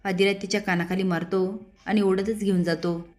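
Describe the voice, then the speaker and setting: A woman's voice: medium pitch, flat delivery, moderate pace, a little mellow. A woman retelling a TV serial episode, reading every character's lines in her own plain voice. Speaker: serial recap narrator.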